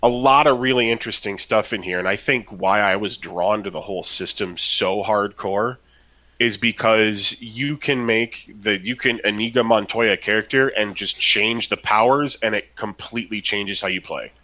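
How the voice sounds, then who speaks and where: A man's voice: fairly low pitch, normal speed, pushed and bright, highs cut off. A man chatting casually on a podcast about a role-playing game, rambling with lots of fillers and tag questions. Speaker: podcast co-host.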